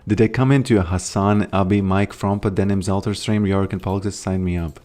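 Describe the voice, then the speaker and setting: In a low, darkish voice with fairly even intonation, a Latvian man talks a little fast while gaming on stream. He rambles, muses, and says hello to chat, with faint music behind him.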